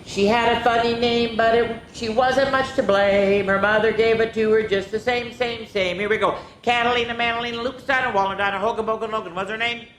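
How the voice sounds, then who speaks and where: A woman reads picture books animatedly to children, singing through the rhymes, stretching rhymed words, and dropping in casual exclamations. Her fairly bright voice moves fairly quickly with few pauses and fairly even intonation. Echo and a background rumble fill the room.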